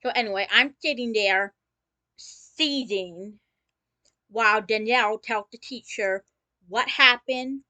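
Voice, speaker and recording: A woman's voice: on the high side, slow, pushed and bright, no echo. A woman telling a personal story in a casual vlog, opening with a theatrical greeting and dropping sarcastic asides.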